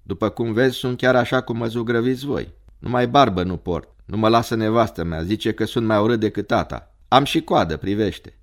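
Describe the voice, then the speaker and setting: A man voicing a hoarse, chatty male devil who works as a weary clerk, grumbling and belching in folksy talk. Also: on the low side, natural voice. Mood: gruff banter. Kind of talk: audiobook character voice.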